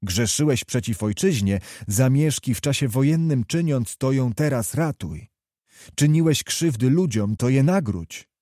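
A man reading the part of a seasoned officer who speaks in a measured, moralizing, steady way. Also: medium pitch, no echo, studio quality, close to an everyday voice. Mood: admonishing. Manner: measured, admonishing. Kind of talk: audiobook character reading.

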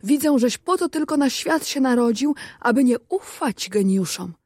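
A woman's voice: sits high, animated, moderate pace, a little mellow, breathy edge, no room sound. A woman voicing a giant male genie made of mist in a storybook reading, solemn and imploring.

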